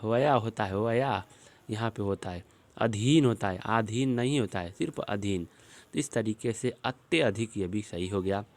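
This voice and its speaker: With a mid-range, slightly mellow voice, a man teaches exam prep by working through spelling questions on screen. He goes over each word slowly while explaining it.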